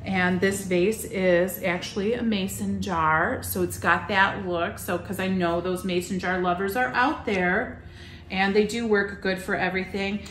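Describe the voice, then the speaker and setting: A woman's voice: medium pitch, fairly even intonation, a little slow, fairly bright tone, roomy sound, slight background noise. A woman in her thirties hosting a casual product showcase in a shop, talking enthusiastically with lots of fillers. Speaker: shop host presenting items for sale. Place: indoor shop room full of farmhouse decor.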